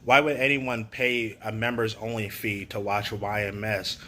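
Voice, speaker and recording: A man's voice: lowish voice, little pitch movement, a little slow, pushed and bright. A man giving a casual, opinionated rant to camera, sarcastic and full of "you know" fillers. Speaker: YouTube commentator.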